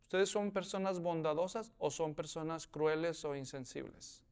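With a fairly high, smooth, darkish voice at a normal speed, a man preaches an expository sermon, dramatizing scenes through voices and questioning his listeners.

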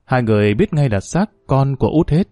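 A man narrating a village crime story in a steady, measured way. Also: medium pitch, dry recording.

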